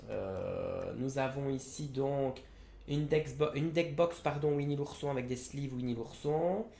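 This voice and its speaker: A man's voice: mid-range voice, a little slow, vocal fry, mellow. Young guy reviewing card stuff, lots of ums and slips, roomy echoey room. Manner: hesitant, many fillers and self-corrections. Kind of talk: casual product review. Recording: roomy echo, faint background noise.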